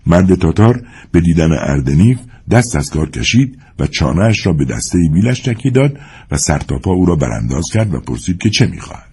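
Deep, husky male narrator for a dramatic audiobook reading, with a dark tone and animated delivery. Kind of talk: scripted narration of a novel.

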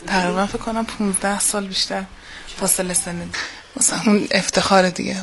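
A woman's voice: medium pitch, fairly bright tone. A woman, the younger sister of fallen soldiers, recalling her brothers earnestly with hesitant restarts. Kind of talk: interview recollection.

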